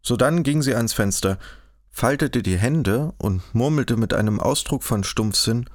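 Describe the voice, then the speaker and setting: A man narrating a historical novel in an audiobook, in a measured, even storytelling manner, close to the mic. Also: mid-range voice, dry recording. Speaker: audiobook reader. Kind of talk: scripted narration.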